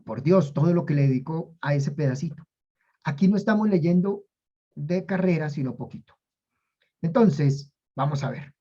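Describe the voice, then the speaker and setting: A woman leads a Bible class in a warm, mellow voice. She drives her points home by repeating key phrases and asking listeners to say them out loud. The recording sounds a little dull and lo-fi. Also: low-pitched, expressive, normal speed. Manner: emphatic, repeats key phrases, urges listeners to say lines aloud. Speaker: Bible teacher.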